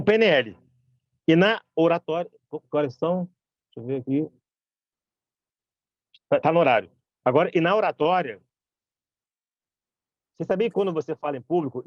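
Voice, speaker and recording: A Brazilian man giving a lively public talk at a conference, acting out example dialogues as he speaks. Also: on the high side, dry recording, dull audio. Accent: Brazilian Portuguese. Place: conference hall.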